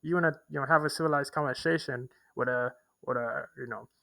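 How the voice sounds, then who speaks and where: A man's voice: medium pitch, fast, gravelly, pushed and bright, low-quality recording. A young man telling a long, rambling personal story to the camera, full of restarts and repeated words. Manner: rambling, repetitive, with many restarts and fillers. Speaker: vlogger. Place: homeless shelter in a big city.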